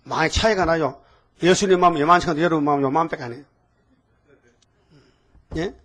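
A man's voice: on the high side, a little fast, fairly bright tone. An older man with a preaching a folksy, scolding sermon and asking the congregation questions. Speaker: pastor.

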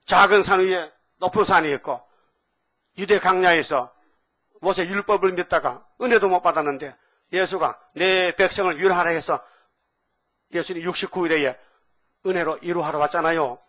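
A man's voice: high-pitched, moderate pace, pauses often. An older man preaching a sermon, asking the congregation question after question. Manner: animated, asks the audience questions.

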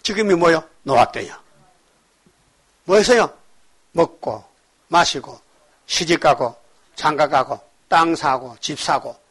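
A male pastor preaching a sermon, emphatic, firing rhetorical questions at the congregation and swinging between loud exhortation and quiet asides. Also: a little high, lively intonation, slow, long pauses, slightly rough.

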